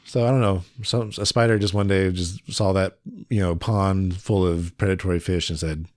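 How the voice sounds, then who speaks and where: A man co-hosting a podcast, explaining facts in a relaxed, hedging way. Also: low-pitched, normal speed, dry recording, studio quality. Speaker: podcast co-host. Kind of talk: casual chat.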